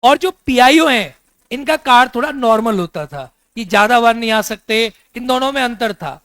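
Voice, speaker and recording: An expressive man with a very high voice speaks at a moderate pace, pushed and bright, without echo. In this classroom lecture he keeps asking students repeated questions and getting them to repeat answers, teasing and joking as he explains.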